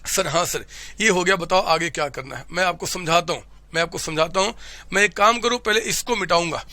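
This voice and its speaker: Loud high-voiced male teacher, sore throat. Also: a little fast, no echo. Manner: loud, energetic, often shouting to motivate students; keeps asking students questions. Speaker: commerce teacher. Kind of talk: classroom lecture.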